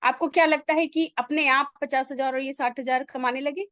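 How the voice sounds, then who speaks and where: A woman giving an animated motivational talk to her team, telling a joke as a story and asking the listeners rhetorical questions. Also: high voice, moderate pace, no room sound, studio quality.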